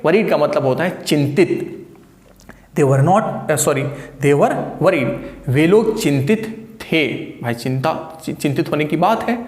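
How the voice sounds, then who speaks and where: A man teaches a video lesson with a slightly high voice. He talks in a chatty, coaxing way and keeps checking on his students. The sound carries a noticeable room echo. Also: lively intonation, takes it slowly, a little mellow. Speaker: English teacher.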